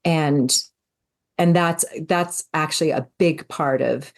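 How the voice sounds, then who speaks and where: Low-voiced middle-aged woman co-host. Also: slow pace. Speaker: podcast co-host. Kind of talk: conversational podcast discussion.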